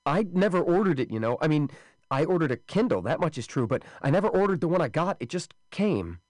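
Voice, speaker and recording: A man voicing a frightened, defensive grown man who pleads in an agitated, rushed way. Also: a little high, sing-song, no room sound, pitched above the performer's own voice. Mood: agitated pleading.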